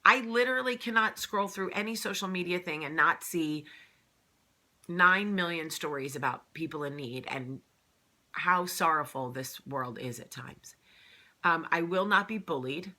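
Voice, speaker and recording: An unhurried woman with a low-sitting, sharp-toned voice hosts her own vlog. She speaks to the camera casually and earnestly, underlining her points, repeating phrases, and saying "um" many times.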